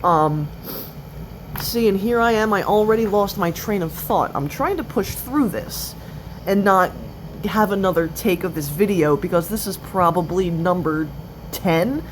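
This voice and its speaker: A woman of twenty-eight talking confessionally in halting, broken-up phrases, with an occasional stutter. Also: medium pitch, lively intonation. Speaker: person sharing experience of stuttering in a video. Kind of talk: personal confessional talk. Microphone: cell phone. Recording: noisy cell phone recording.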